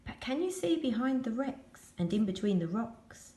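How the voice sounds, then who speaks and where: School lady reading picture book to little kids, expressive, echoey room. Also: on the high side, normal speed. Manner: expressive, addressing young children. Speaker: primary school storyteller.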